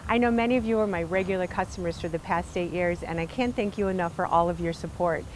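A woman in her forties gives an earnest, heartfelt fundraising pitch straight to camera. Her voice sits fairly low, and she talks from inside a shop on a clip-on mic. A faint background noise runs under her words. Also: quick pace, low-quality recording. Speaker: bookstore owner. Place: bookstore interior and outdoor porch. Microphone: lapel.

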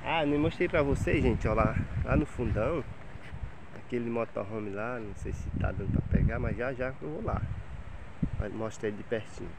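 A man's voice: medium pitch, moderate pace, gravelly. A man in his thirties giving a cheerful, chatty walking tour of a seaside campground, filmed on a handheld phone. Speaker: travel vlogger. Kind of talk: casual vlog walkthrough. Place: outdoor beachside campground, windy. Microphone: handheld phone camera. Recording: loud wind noise on phone mic.

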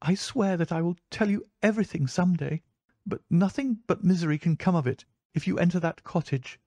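A man's voice: fairly high pitch, sing-song, normal speed, dark tone, slightly rough, no echo, pitched above the performer's own voice. A man voicing a frightened, secretive wife in an audiobook, pleading in an urgent, emotional manner. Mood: desperate pleading. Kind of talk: audiobook character dialogue.

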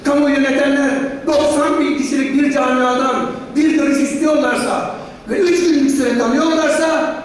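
A woman with a very high voice speaks combatively to an assembly in a fiery convention style. She fires off indignant rhetorical questions and repeats key phrases. The sound is distant, ringing around a large hall. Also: steady tone, normal speed. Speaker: professional association leader addressing an assembly. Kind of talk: impassioned political-style convention speech. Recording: echoey hall, distant mic, noisy.

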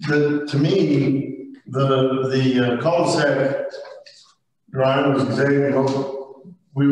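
Halting man in a distant echoey hall. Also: medium pitch. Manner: halting, repeats words while thinking. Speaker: zoning board member. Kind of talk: meeting discussion. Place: large town meeting room.

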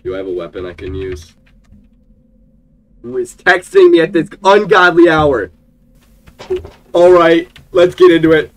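A young man giving jokey, excitable let's play commentary and talking to the game characters. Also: on the high side, a little slow, long pauses, low-quality recording. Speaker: gaming YouTuber.

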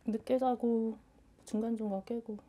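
Subdued woman client, husky and dark, short quiet replies. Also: a little high, little pitch movement, normal speed. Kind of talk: consultation answers.

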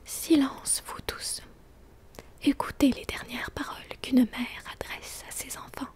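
Sneering pirate captain in a woman's whisper, whispered role-play, syrupy threats, breathy. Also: sits high, flat delivery, unhurried, a little mellow, exaggerated voice.

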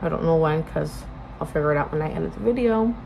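A woman's voice: sits low, fast talker, vocal fry, darkish tone. A woman, chatting casually and in a rambling, informal way to a phone camera as a vlogger. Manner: rambling, informal, self-interrupting. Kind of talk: casual get-ready-with-me chat to camera. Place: indoors in a small bedroom-like room. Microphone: phone propped at arm's length. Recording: noisy room phone recording.

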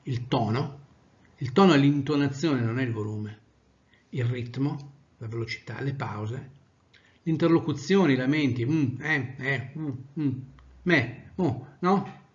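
Animated Italian male trainer, lo-fi. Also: mid-range voice, slow pace. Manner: animated, varies volume widely, demonstrates tones of voice. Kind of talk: training lecture.

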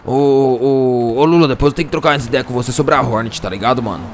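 A young man with a Brazilian accent chats through a crime roleplay game. He talks in a rush of street slang, mid-pitched and excitable. A faint hum of game noise sits behind him. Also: fast. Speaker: roleplay gamer. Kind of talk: casual gaming roleplay chat.

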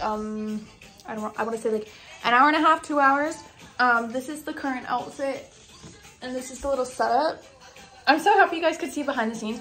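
Bubbly high-voiced young woman vlogger. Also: a bit bright, roomy sound. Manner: chatty, bubbly, lots of "like" fillers. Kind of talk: casual vlog chat. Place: her mom's house, indoors. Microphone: handheld vlog camera.

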